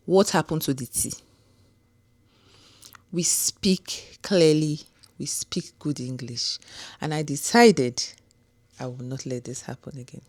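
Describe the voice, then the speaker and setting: A woman's voice: low voice, a little mellow, dry recording. A middle-aged woman with a Nigerian accent, giving an earnest, emphatic motivational talk to camera. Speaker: vlogger.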